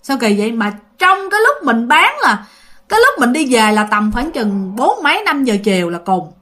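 A woman with a Southern Vietnamese accent voicing a feisty, quick-tempered young woman selling sticky rice in a ghost story. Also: fairly high pitch. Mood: worried. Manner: lively, exclamatory.

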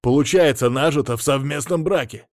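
A hoarse, blustering middle-aged millionaire, put on by a male audiobook narrator, bellowing his grievances in a raised, higher-pitched voice. The recording is dry and close, with no room sound. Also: a little fast, a little mellow, no room sound, close to an everyday voice. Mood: furious.

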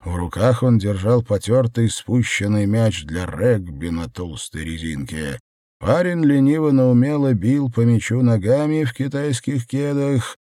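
A man narrating an audiobook in an expressive, read style. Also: mid-range voice, a little slow, dry recording. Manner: expressive reading. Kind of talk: scripted narration.

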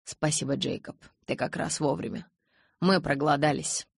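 A woman reading an audiobook, voicing a calm, kind male vampire doctor in a soft, gentle tone. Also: low voice, normal speed, vocal fry, slightly rough, no echo, studio quality, full character voice. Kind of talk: audiobook character voice.

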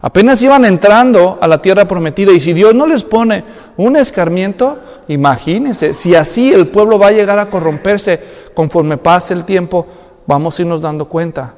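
Pastor preaching in a reverberant hall. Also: male voice, high voice, expressive, normal speed, darkish tone. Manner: dramatizing Bible characters in colloquial voices. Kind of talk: sermon.

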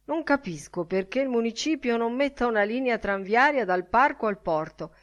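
A woman's voice: a little high, expressive, moderate pace, highs cut off, voice pushed up, lightly acted. A woman reading an audiobook, voicing an earnest middle-aged Dublin man who explains his ideas eagerly.

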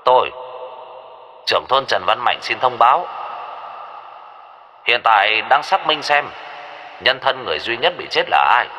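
A man voicing a male village chief making a formal announcement over a loudspeaker, calling "alo" again and again. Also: fairly low pitch, dull audio. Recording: echoey loudspeaker with faint noise.

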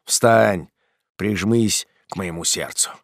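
A man voicing a bitter, vengeful old father in an audiobook, speaking gravely and low. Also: takes it slowly, dry recording, studio quality, heavily acted. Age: older. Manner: grave, brooding, bursts into fury.

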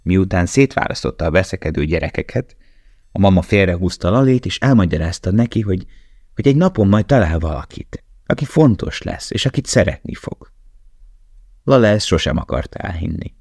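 A man reading an audiobook in a measured, grave, steady voice. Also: low voice, gravelly, slightly rough, no echo, studio quality. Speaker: audiobook narrator. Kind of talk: scripted narration.

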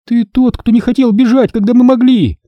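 A man voicing a hot-tempered teenage girl Jedi apprentice in an audiobook, quick to argue and indignant. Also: sits high, big pitch swings, breathy edge, no echo, muffled recording, pitched above the performer's own voice, exaggerated voice. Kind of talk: audiobook character voice.

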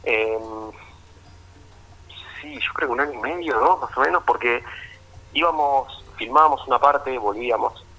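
Here the filmmaker, a man with an Argentine accent, talks at a moderate pace broken by long pauses, his medium-pitched voice husky and sharp in tone. Interviewed by phone about his documentary work, he explains casually and informally, checking in with little tag questions.

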